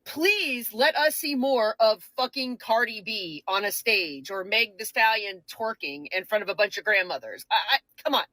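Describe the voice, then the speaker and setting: A woman's voice: medium pitch, lively intonation, moderate pace, hardly any pauses, bright, forceful tone, no room sound. A woman ranting straight to camera in a mocking, sarcastic tone, dragging out words for emphasis. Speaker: social media commentator. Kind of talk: direct-to-camera rant.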